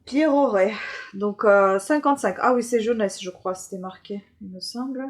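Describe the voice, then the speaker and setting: A woman talks casually to her viewers as a book vlogger, showing her haul one item at a time. She speaks hesitantly and pauses often on filler sounds, keeping an easy, chatty manner. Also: mid-range voice.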